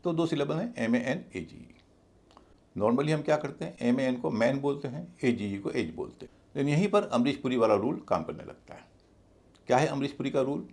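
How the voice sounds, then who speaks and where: A man's voice: mid-range voice, expressive, normal speed, a little mellow. A man teaching an English pronunciation lesson, patiently spelling words out letter by letter. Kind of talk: spoken lesson explaining pronunciation.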